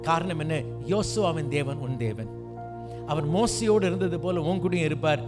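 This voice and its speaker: A man's voice: a little high, lively intonation, moderate pace. A man preaching a fervent Tamil sermon and prayer as pastor, exhorting with frequent hallelujahs. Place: church hall. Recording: reverberant hall with loud music behind.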